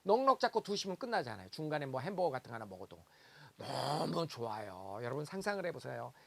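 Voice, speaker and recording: A man giving a lively seminar lecture, telling stories and acting out the voices of parents. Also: mid-range voice, fast, creaky. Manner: animated storytelling, acts out parents' voices, exclaims.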